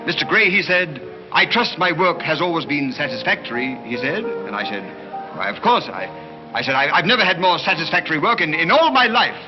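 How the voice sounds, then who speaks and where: A man's voice: fairly high pitch, lively intonation, fairly quick, lo-fi sound, close to an everyday voice. An actor playing a breezy, bemused society man in 1930s screwball comedy banter. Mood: bluffing, stammering. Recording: band-limited 1930s film soundtrack with music.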